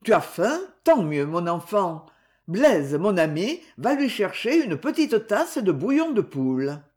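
A reader voicing a repentant, loving nobleman father in an audiobook, speaking fervently and slowly. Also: mid-range voice, sing-song, darkish tone. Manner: fervent, emotional, slow. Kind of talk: audiobook character reading.

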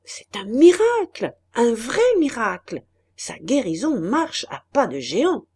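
A woman reading the lines of a brisk, self-important male banker in an audiobook, in a hurried, emphatic way. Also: mid-range voice, lively intonation, darkish tone, close to an everyday voice. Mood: elated.

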